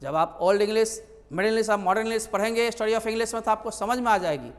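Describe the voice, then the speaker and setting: A man's voice: sits high, fast talker, big-room sound. A male teacher, explaining English grammar in a lecture. He asks his own questions and answers them.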